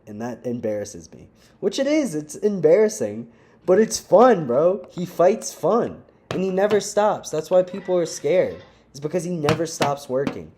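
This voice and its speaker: An animated young man ranting on his video channel in loose, slangy talk, laughing between his points. His voice sits a little high for a man, with a mellow, soft tone. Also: a little hiss or hum. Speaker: vlogger. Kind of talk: casual rant.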